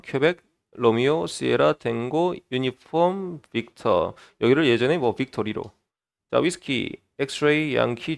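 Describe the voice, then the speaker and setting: Male lecturer, middle-aged, gravelly tone, patient step-by-step exam prep delivery. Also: medium pitch. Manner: explains step by step, opens lines with a drawn-out "자".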